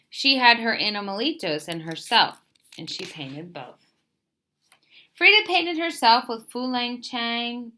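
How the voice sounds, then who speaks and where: A woman storyteller with a bright, forceful, medium-pitched voice reads a children's picture book aloud. Her expressive delivery rises at the openings of phrases and comes to rest as each sentence finishes.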